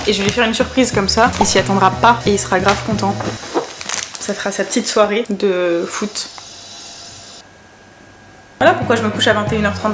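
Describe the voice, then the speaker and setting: A young woman from France chatting casually to her phone camera while running errands, exhausted and self-mocking, rambling from one aside to the next. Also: mid-range voice. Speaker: vlogger. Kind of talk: casual vlog chat to camera. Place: car, shops and home, moving around.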